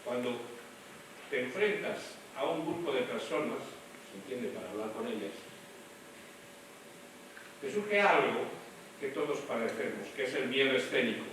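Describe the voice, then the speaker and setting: A man teaching a voice class, lively and demonstrative, speaking straight to his students. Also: medium pitch, unhurried, pauses often. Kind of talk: classroom lecture. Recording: echoey room, mic from far off, noisy.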